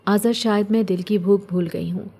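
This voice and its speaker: A lonely young orphan girl, played by a woman reading a horror storybook, soft and plaintive in every line. Her voice sits mellow and warm, at an ordinary woman's pitch. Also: fairly even intonation, natural voice. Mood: wistful.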